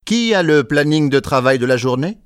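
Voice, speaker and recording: A man's voice: a little high, expressive, moderate pace, smooth, dry recording, studio quality, natural voice. A man playing a stern head chef who gives orders to his kitchen brigade in a scripted textbook dialogue. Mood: firm. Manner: firm, commanding.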